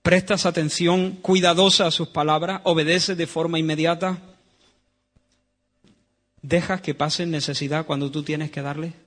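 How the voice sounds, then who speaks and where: A man from Spain with a Spanish accent, preaching a sermon in a church, swinging between loud emphatic lines and hushed tones. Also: fairly high pitch, fairly even intonation, moderate pace.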